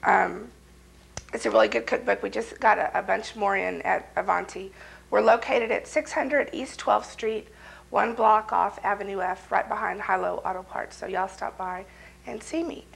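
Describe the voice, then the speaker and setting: Hoarse woman hosting a cooking show. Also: mid-range voice, moderate pace, low-quality recording. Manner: folksy, chatty, addresses viewers as y'all. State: hoarse with a cold.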